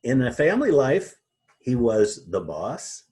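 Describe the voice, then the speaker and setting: A man being interviewed as a guest, talking in a halting way with many restarts and repeated words. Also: mid-range voice, wildly swooping pitch, darkish tone, breathy edge. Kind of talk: conversational interview.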